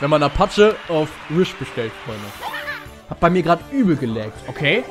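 A young man streaming and commentating a tennis video game for his chat in a casual, jokey way, with sudden excited shouts. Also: fairly high pitch, normal speed, loud music behind the voice.

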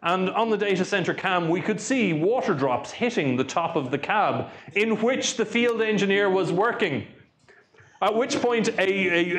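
Give me a joking Irish conference speaker, a man with a fairly high voice. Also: fairly bright tone. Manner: dry, joking storyteller. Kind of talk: lightning talk at a tech meetup.

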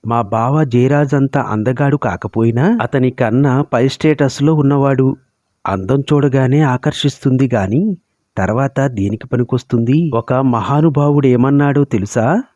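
A man's voice: mid-range voice, moderate pace, warm tone, dry recording, lightly acted. A man voicing a proud, scheming young woman who talks coolly and sarcastically. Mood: coolly defiant. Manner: cool, sarcastic, self-assured. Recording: dull lo-fi recording.

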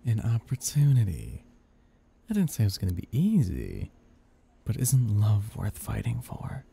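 A man's voice: on the low side, wildly swooping pitch, measured pace, creaky, warm tone, slightly rough, heavily acted. A man playing a sly, coaxing male devil who schemes with playful menace in an ASMR audio role-play. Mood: smug.

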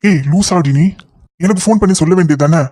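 A man's voice: high voice, dark tone. A man voicing a pushy young cartoon lover. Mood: scolding. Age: young adult. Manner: rapid, insistent scolding. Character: young male lover, impatient and scolding. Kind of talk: cartoon voice acting.

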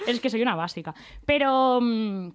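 A woman's voice: on the high side, moderate pace, smooth. Give me a playful young woman co-hosting a chat podcast in a radio studio. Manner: playful, teasing banter. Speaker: podcast co-host. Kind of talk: casual chat.

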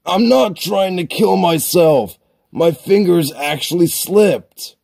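A man's voice: high-pitched, lively intonation, vocal fry, darkish tone, pitched above the performer's own voice, heavily acted. A man voicing a whiny, easily flustered young male monster who snaps in a comic gaming sketch. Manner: whining, quick to snap.

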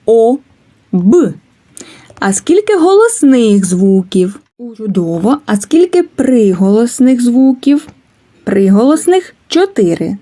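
A woman's voice: mid-range voice, warm tone. A woman teaching a letters lesson to young children, coaxing them with questions and waiting for answers. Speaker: kindergarten teacher.

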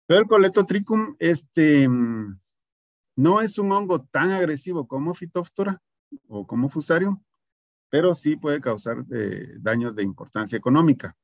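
A man's voice: on the high side, expressive, moderate pace, no room sound, clean studio sound. A man teaching an online agronomy class, explaining patiently and often checking in with his students. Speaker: agronomy instructor.

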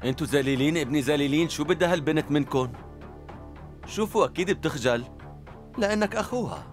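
A man's voice: on the high side, fast, soft background music, lightly acted. Man voicing a cheeky teasing schoolboy. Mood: mocking. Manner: teasing, giggling. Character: mocking cheeky teenage schoolboy. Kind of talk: dubbed TV drama.

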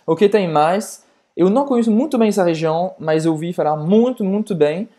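A man with a French accent co-hosting a casual lesson, repeating words slowly and deliberately to drill their pronunciation. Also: high-pitched, animated, mellow. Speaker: co-host, French tutor. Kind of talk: casual teaching chat.

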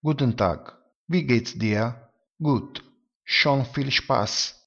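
A man teaching German to Italian speakers. He repeats each phrase slowly and with emphasis, switching between the two languages. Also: medium pitch, vocal fry, a bit bright, highs cut off. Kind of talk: slow, emphatic language lesson.

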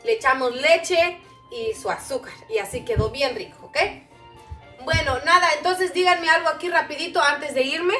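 A woman's voice: sits high, moderate pace, pushed and bright, faint music behind. A woman from Guatemala whose first language is Chuj, chatting casually on a home-kitchen livestream, reading out viewer comments and calling them "mamita". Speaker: cooking livestream host. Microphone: camera a little way off. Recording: echoey kitchen, distant mic.

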